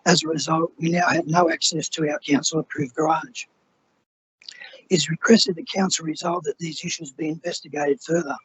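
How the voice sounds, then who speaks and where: A hoarse man who has nearly lost his voice, reading a formal prepared statement to a council meeting. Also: fairly high pitch, slight background noise, rough recording. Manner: formal, steady, measured. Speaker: resident addressing council. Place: council chamber.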